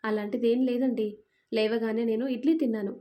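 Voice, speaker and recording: A patient young wife, soft and pleading, talking to her husband in a family storybook as a woman reads her lines. The voice sits a little high and sounds mellow and warm. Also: steady tone, fairly quick, close to an everyday voice. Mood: gentle.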